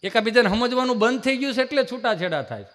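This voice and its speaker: A man doing live folk comedy storytelling on stage, animated and acting out family characters. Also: very high-pitched, fast. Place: live stage event with audience.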